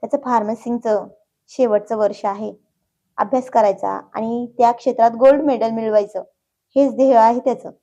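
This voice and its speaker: A fond, middle-aged mother who speaks with affection and quiet pride, as a woman narrator puts her on. The voice is mellow and a little high, and the recording is muffled. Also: steady tone, moderate pace, lightly acted. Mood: affectionate. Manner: warm-hearted and fond.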